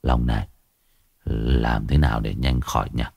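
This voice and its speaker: A man voicing a sick, gruff older brother who coughs and groans. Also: rumbling low, fairly even intonation, measured pace, darkish tone, dry recording, studio quality, pitched below the performer's own voice, full character voice. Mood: sick grumbling.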